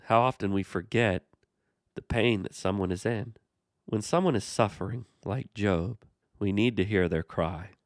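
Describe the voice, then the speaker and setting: A man hosting a Bible study, explaining the passage in a measured way and speaking to the character directly. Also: on the low side, dry recording, clean studio sound. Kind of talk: scripture commentary dialogue.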